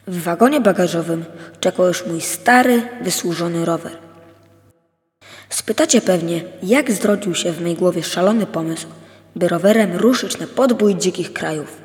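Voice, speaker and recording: A man narrating a first-person adventure story in a lively, expressive way. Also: high-pitched, normal speed, long reverb tail.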